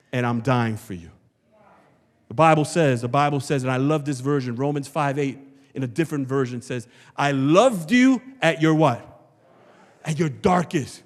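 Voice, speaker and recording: Preaching before a congregation in a big church hall, a male pastor with a slightly high voice is emphatic and rhetorical. He repeats phrases for weight, and his words ring out with long reverb.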